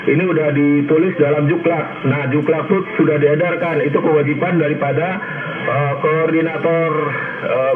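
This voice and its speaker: A man on an amateur radio net, heard through a two-way radio, speaking formally and deliberately with many hesitant fillers. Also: fairly high pitch. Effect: two-way radio transmission. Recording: tinny two-way radio with crowd noise.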